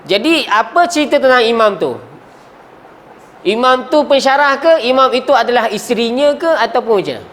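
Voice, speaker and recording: A man's voice: very high-pitched, animated, brisk, a bit bright. A man with a Malaysian Malay accent teaching Arabic grammar in a classroom, often asking the class questions and sometimes breaking off mid-word. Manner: asks the class frequent questions, coughs and trails off mid-word. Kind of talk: classroom lesson.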